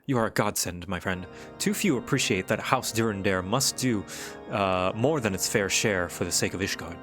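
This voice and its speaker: A man's voice: fairly low pitch, moderate pace, over music, voice pushed down, close to an everyday voice. Man playing a formal, courteous fantasy knight. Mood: earnest, formal. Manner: formal, old-fashioned, flowery phrasing. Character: weary, courteous fantasy knights and camp folk. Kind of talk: read-aloud game dialogue.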